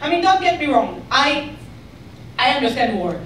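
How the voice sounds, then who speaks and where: A woman from Israel with an Israeli accent doing a stand-up comedy set, deadpan and ironic with bursts of mock outrage. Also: high voice, normal speed. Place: comedy club stage. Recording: echoey club, mic far away, audience noise. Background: audience laughter.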